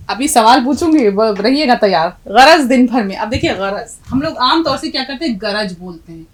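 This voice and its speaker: A woman's voice: a little high, lively intonation, poor audio. A middle-aged woman from India teaching an Urdu lesson, spelling words letter by letter and giving learners direct instructions. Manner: spells words letter by letter, slowing on each sound. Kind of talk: classroom language lesson.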